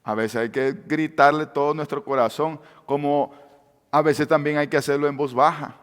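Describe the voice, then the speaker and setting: A man preaching a sermon with passion, swinging between loud cries and hushed words. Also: on the high side, steady tone, moderate pace, smooth. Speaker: pastor. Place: church sanctuary. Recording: long church-hall reverb.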